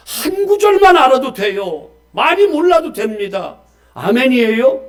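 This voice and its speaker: A man preaching a Sunday morning sermon with a fairly high voice. He swings from loud, emphatic declarations to quiet, low asides. He keeps putting questions to the congregation and calling for amens. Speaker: pastor.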